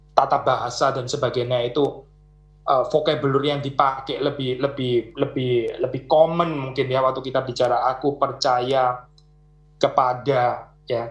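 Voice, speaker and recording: A man, a pastor, answering audience questions in a conversational way, with many small fillers and worked examples. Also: mid-range voice. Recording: roomy echo.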